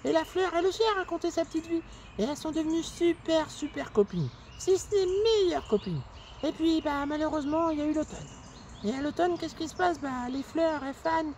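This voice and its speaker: A woman's voice: sits high, lively intonation, fairly quick, a little mellow, a little hiss or hum. A woman voicing a cheerful young male squirrel who tells a children's story in a chatty way, full of fillers. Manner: chatty, uses many fillers.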